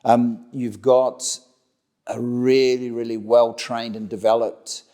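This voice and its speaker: At a slow pace and in a level, dark, medium-pitched voice, a middle-aged company director with a New Zealand accent answers interview questions. He keeps it conversational, with frequent repeated words and restarts.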